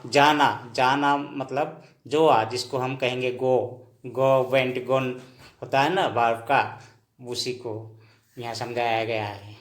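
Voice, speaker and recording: A man teaching a language lesson, explaining words slowly and repeating each one, often checking in with his viewers. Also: mid-range voice, roomy sound. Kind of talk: slow spoken lesson, explaining word by word.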